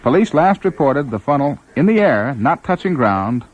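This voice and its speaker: An American man anchoring live emergency storm coverage on radio, measured but informally ad-libbing. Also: on the high side, very animated. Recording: muffled 1960s AM radio broadcast.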